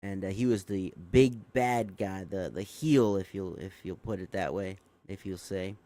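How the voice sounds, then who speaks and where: A man's voice: sits low, measured pace, warm tone. A young man hosting a live show, reading a news story aloud and reacting to it casually. He swears often, sounds amazed, and corrects himself a lot. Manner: swearing, easily amazed, with frequent fillers and self-corrections. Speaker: show host.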